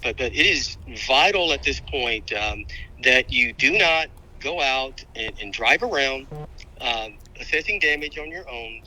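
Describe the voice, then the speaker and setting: A man calls in as a city official, his voice coming through a speakerphone held up to a studio microphone. The tone is sharp and strained. He talks haltingly, stopping and restarting often with many ums. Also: mid-range voice, lively intonation, poor audio. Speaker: city manager. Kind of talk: public safety update by phone.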